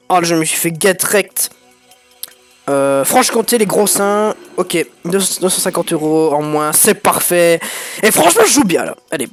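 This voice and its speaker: A man giving excitable, crude let's-play commentary as a gaming YouTuber, breaking into sudden shouted outbursts. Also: high-pitched.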